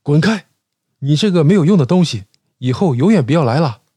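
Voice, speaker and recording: A man voicing an angry middle-aged woman who shouts a tramp away in a spoken joke. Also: a little high, animated, fairly quick, husky, no room sound. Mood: furious. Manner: loud, scolding.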